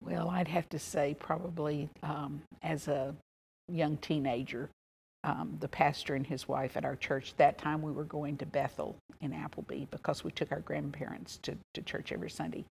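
A woman, reminiscing in an interview in a halting, rambling, folksy way. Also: deep voice, little pitch movement, gravelly, a little mellow, a little hiss or hum. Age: 70s. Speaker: interviewee, wife of a minister.

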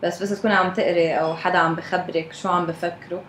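A woman's voice: on the low side, little pitch movement, quick pace, a bit bright. A woman with a Levantine Arabic accent talking candidly and casually, dropping English phrases into her Arabic. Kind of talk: candid casual group discussion. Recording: roomy echo, faint background noise.

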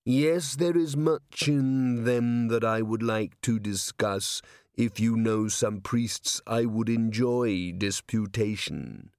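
For an audiobook character voice, a man with a mid-range, slightly mellow voice plays a huge male golem. Solemn and literal-minded, the golem speaks in formal, deliberate, ponderous phrases, in clean studio sound with no echo.

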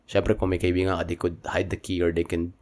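A man's voice: sits low, little pitch movement, fairly quick, darkish tone. A man co-hosting a casual podcast, joking and explaining things in slangy mixed Tagalog and English. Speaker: podcast co-host. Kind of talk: casual chat.

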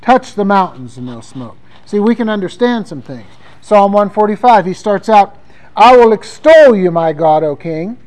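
A man with a high-pitched voice preaches a sermon. He talks conversationally and reads psalms aloud with strong emphasis. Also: animated, normal speed, darkish tone, rough recording. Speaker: pastor.

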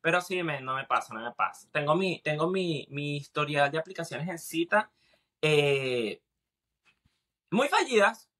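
A man with a Venezuelan accent trades jokes in a relaxed podcast chat among friends. His voice is bright and forward, and he keeps cutting in with quick quips. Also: on the high side. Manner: quick, joking interjections and playful put-on voices. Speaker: podcast co-host.

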